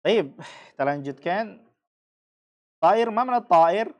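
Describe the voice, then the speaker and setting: Male teacher, young adult, unhurried delivery, patient and repetitive, classroom lesson. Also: high voice, animated, dull audio. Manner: slow, repeats and explains each word patiently. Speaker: Arabic teacher.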